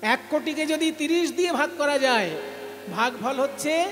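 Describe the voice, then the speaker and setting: A man's voice: very high-pitched, moderate pace, long reverb tail, over music. A man leading a devotional singing performance, telling a saint's story and explaining it like a teacher, breaking into song. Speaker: kirtan singer and storyteller. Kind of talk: sung devotional storytelling sermon.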